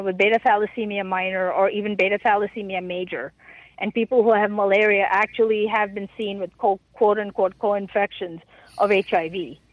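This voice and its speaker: A woman answering an interviewer's questions over the phone, halting and stumbling over her words. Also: medium pitch, dry recording. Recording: tinny phone line.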